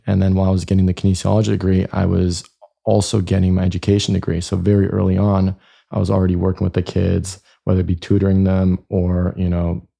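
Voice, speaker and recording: Creaky, low, and mellow, this man's voice belongs to a Croatian-born chiropractor and speaker who has also lived in Germany and Canada. He's a podcast guest, chatting easily and sharing anecdotes in an interview.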